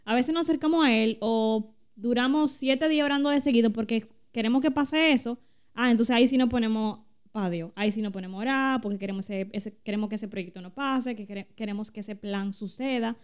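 Earnest woman co-host, bright higher voice, addresses listeners directly. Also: brisk, clean tone. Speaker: podcast co-host. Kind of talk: casual faith talk.

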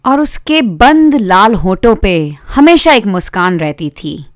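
A woman telling a children's story in a gentle, measured narration. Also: medium pitch, very animated, no echo, studio quality. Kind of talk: scripted narration.

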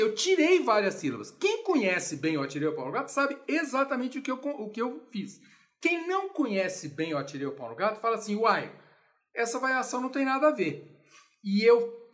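A man giving an informal music lesson, animated and playful, explaining with sung examples. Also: high voice. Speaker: music teacher.

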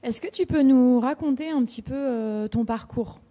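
A woman's voice: sits high, moderate pace, mellow. A woman hosting a stage interview, putting brief questions to her guest. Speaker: interviewer, host.

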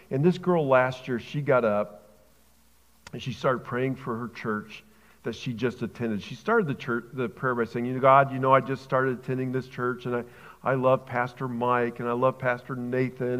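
A middle-aged man preaching a sermon, telling a story earnestly, sometimes growing quiet and emotional, sometimes pressing urgent questions. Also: mid-range voice. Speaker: camp director preaching a guest sermon. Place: church sanctuary. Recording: muffled sound with long hall reverb.

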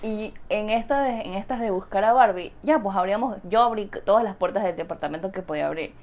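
Young woman, casual chat, animated storyteller, acts out quotes, mid-range pitch. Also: fast talker.

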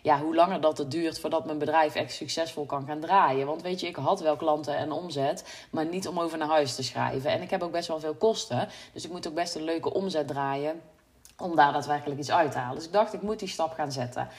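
A woman with a Brabant Dutch accent and a low voice talks through her work on her own podcast. She is candid and reflective, and she pauses on frequent ums and uhs. It sounds like a casual solo monologue. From Brabant, Netherlands. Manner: reflective, candid, many fillers. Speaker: podcast host, business coach.

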